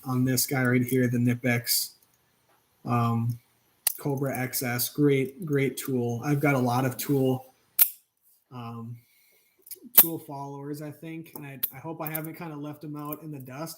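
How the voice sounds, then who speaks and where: A man's voice: on the high side, slight background noise. A man in his thirties hosting a live stream from his home workshop, chatting loosely with many fillers and restarts. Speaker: channel host. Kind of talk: casual live-stream chat.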